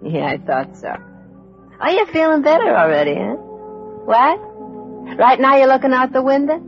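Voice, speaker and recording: An actress playing a quick-witted, slangy, good-hearted working woman in old-time radio comedy. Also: sits high, very animated, faint music behind. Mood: chatty, sheepish. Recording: dull old radio recording.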